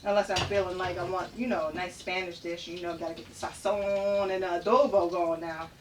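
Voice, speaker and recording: Broadcasting live from her home kitchen, a woman with a fairly low, fairly even voice talks a little fast, with a slight hiss or hum. The cooking show host is chatty, upbeat, and laughs often, recorded on a distant mic over a loudly sizzling pan.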